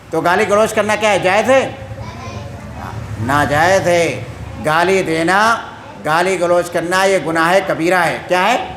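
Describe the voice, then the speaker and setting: High-voiced man teaching in an echoey room. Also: a bit bright, a little hiss or hum. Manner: constantly asks questions and answers them himself, tagging "hain?". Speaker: Islamic teacher. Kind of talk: religious lesson quizzing listeners.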